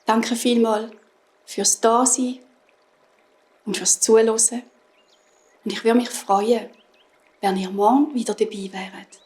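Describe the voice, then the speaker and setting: A woman with a Swiss German accent telling a fairy tale to children in a gentle, unhurried manner. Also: on the high side, steady tone. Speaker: storyteller. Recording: roomy echo.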